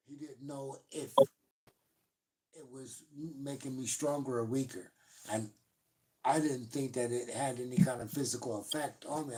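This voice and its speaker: Male host, laid-back, repeats himself; heard through a distant phone line with uneven volume cutting in and out. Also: a little mellow. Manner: easygoing, repeats short phrases. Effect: volume dropping low and surging back in and out. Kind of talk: casual live-stream chat.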